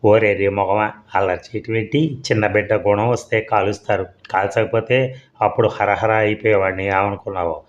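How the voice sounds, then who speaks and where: A man reading the lines of a brash, boastful little schoolboy who talks loudly and cockily. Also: lowish voice, fairly even intonation, moderate pace, lightly acted. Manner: loud, cocky. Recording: dull lo-fi audio.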